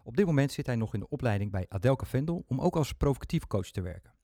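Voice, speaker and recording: A man's voice: medium pitch, animated, fast, mellow, dry recording, clean studio sound. A man hosting a podcast, talking chattily with self-mocking humor into a microphone. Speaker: podcast host. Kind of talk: casual podcast talk.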